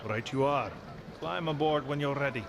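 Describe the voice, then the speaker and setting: An actor playing a gruff, wary river ferryman in a fantasy game, curt and foreboding. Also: mid-range voice, moderate pace, noisy background, lightly acted.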